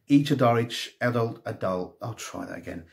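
A man's voice: medium pitch, lively intonation, a little fast, creaky. A man giving a casual magazine review, rambling with many ums and restarts and reading passages aloud. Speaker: tabletop hobby reviewer.

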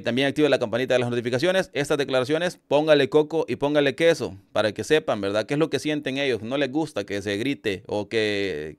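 A man's voice: mid-range voice, no room sound, clean studio sound. A man hosting partisan news commentary, chatty and rhetorical, often addressing his viewers as friends. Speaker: political commentary host.

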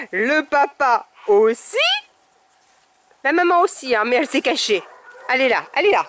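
A woman's voice: high voice, huge pitch swings, fairly quick, fairly bright tone, slight background noise. A woman breeding dogs, chatting casually to camera outdoors by a kennel and cooing affectionately at her puppies. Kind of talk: casual vlog narration.

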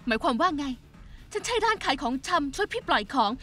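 A woman's voice: high voice, sing-song, quick pace, fairly bright tone, soft background music. A woman dubbing a young shopkeeper who demands an explanation sarcastically, in a Thai TV drama dub. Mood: demanding.

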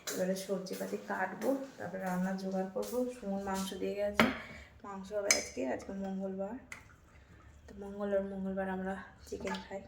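A woman narrates her day at home in a hushed, worn-out voice with a gravelly rasp. Her voice rings in an echoey room, and dishes and pans clatter around her. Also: mid-range voice, monotone, brisk. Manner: speaks softly and quietly after a workout. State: tired after exercise. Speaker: vlogger. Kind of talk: casual daily vlog narration. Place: home kitchen. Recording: echoey room with loud household noise.

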